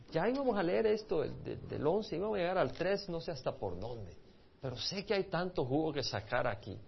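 On a dull, lo-fi recording, a man from El Salvador teaches Bible study as a pastor, speaking conversationally with a Salvadoran Spanish accent. His medium-pitched voice is slightly rough, and he asks his audience questions and restarts words along the way.

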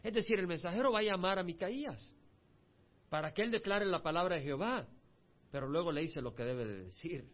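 A man's voice: high voice, lively intonation, a little fast. A pastor preaching an expository Bible sermon, reading scripture aloud and then explaining it with asides to his listeners. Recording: muffled lo-fi recording.

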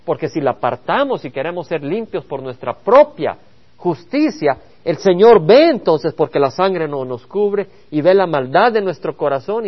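A man's voice: a little high, lo-fi sound. A man preaching a Bible study sermon, earnest and addressing the congregation with rhetorical questions. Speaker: pastor.

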